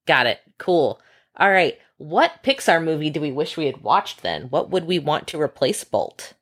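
Podcast co-host, young woman, low voice with wide swings, playful, swears a lot. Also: very animated, moderate pace, fairly bright tone. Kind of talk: casual chat.

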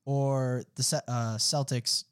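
A man's voice: medium pitch, level tone, slow, clear, resonant tone. A young man co-hosting a casual sports podcast, laid-back, dropping "bro" and agreeing with "mm-hmm". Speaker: podcast co-host.

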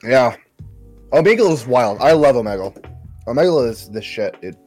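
A man's voice: mid-range voice, lively intonation, normal speed, darkish tone, soft background music. A young man co-hosting a podcast in casual chat, laid-back and agreeable, swearing now and then. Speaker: podcast co-host.

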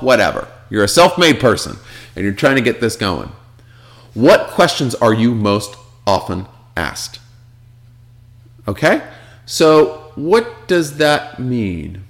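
A man's voice: medium pitch, very animated, measured pace. A man giving a casual, conversational lesson on social media marketing, often checking in with the listener with questions. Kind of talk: casual instructional talk.

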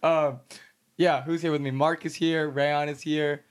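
A man's voice: fairly high pitch, flat delivery, unhurried, smooth. A man hosting a casual, slangy podcast with friends, sounding sick and tired with a shot voice. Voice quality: worn-out voice from being under the weather. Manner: slangy, joking. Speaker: podcast host.

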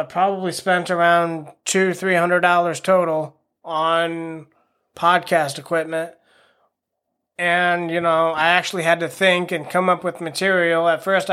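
Podcast host, male, high-pitched, chatty and self-deprecating solo monologue. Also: fairly bright tone, clean tone. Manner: rambling, self-deprecating, frank. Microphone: home podcast microphone.

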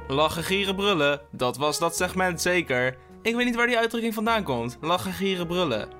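A tired man hosts a comedic solo podcast into a podcast microphone, rambling, interrupting himself with stammered restarts and swearing often. His voice is high and animated, at a normal speed, with music playing over it.

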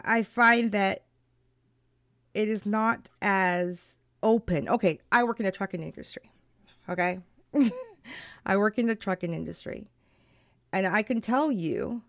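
A woman co-hosting a live-stream talk, chatting casually, animated and laughing often, with many restarts. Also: mid-range voice, no room sound, studio quality.

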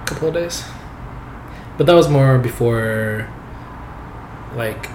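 Speaking slowly in a middling pitch, a young man whose first language is not English chats as a software developer guest in a casual interview. He's relaxed and rambling, full of fillers and light laughs, in an echoey room with constant background hiss.

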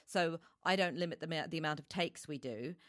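A woman's voice: low voice, a little fast, fairly bright tone, dry recording, clean studio sound. A woman giving earnest, explanatory answers in a conversational interview. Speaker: voice reel producer and director, guest.

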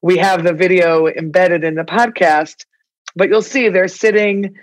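A woman with a New York accent hosts a podcast, interviewing a guest conversationally in a fairly low, steady, unhurried voice. Her questions are wordy and get rephrased as she goes, and the audio quality is poor.

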